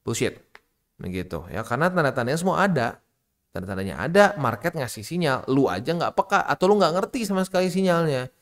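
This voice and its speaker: A man's voice: on the high side, sing-song, brisk. A man hosting a crypto channel, giving blunt, slangy, scolding market commentary.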